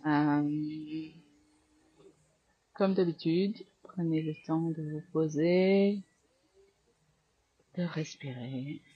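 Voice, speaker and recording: French woman yoga teacher, calm slow cues, dry close sound, kinda low voice. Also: breathy edge, no room sound, highs cut off. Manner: calm, slow spoken cues with breath counts. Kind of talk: guided yoga class instruction.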